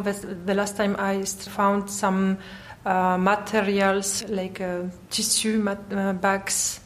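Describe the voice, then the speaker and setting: A Polish woman in her forties, an artist guest, answers interview questions with a Polish accent and a medium-pitched voice. She speaks hesitantly and haltingly, searching for English words.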